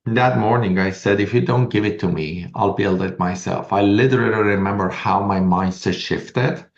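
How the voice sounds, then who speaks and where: A middle-aged man from Iran, a guest entrepreneur telling his story in an interview in earnest, fast bursts with restarts. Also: fairly low pitch. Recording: echoey, dull lo-fi sound.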